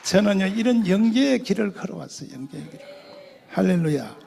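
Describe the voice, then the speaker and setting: An older man giving a testimony sermon as a pastor, telling his story in an animated way, acting out quoted voices and laughing often. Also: high voice, fairly quick, creaky, a faint crowd, slight background noise. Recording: long hall reverb.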